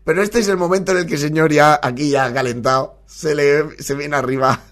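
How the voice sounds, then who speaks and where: A man with a Spain accent hosting a comedy podcast, commenting on TV clips in a casual, animated way and laughing often. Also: fairly high pitch, fairly quick. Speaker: podcast host.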